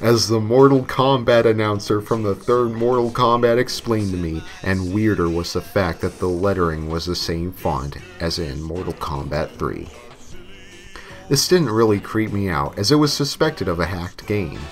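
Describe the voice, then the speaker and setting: At normal speed and in a deep voice, a man narrates a scripted story with tongue-in-cheek flair, now and then hamming up his lines. Behind him play novelty songs and game music.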